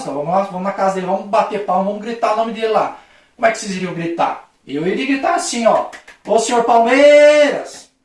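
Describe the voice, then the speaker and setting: Echoey Brazilian teacher explaining poetry at a board. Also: male voice, high voice, distant mic. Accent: Brazilian Portuguese. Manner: friendly, with frequent checking "tá?" tags; acts out a playful street-shouting example for stress. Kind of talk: recorded video lesson at a board. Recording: very echoey room, voice from off-mic.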